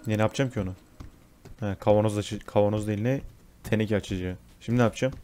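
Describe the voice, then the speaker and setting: A man's voice: on the low side, fast. A young man talking over a horror game as he plays it, cursing and then apologizing to his viewers. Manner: swears, then apologizes to viewers; panics and shrieks when scared. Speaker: gaming YouTuber. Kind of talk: let's play commentary.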